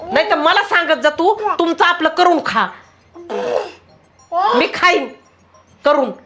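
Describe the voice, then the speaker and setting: A woman playing a sharp-tongued older mother-in-law who scolds and grumbles in a comic family sketch. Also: very high voice, lively intonation, slow pace, soft background music, full character voice. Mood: scolding.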